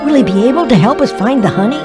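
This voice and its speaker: A man's voice: very high-pitched, animated, very fast. A man voicing a tiny, timid, earnest young piglet in a video game, eager to help and prone to stammering. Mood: worried. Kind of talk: animated video game dialogue. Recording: studio voice over game music.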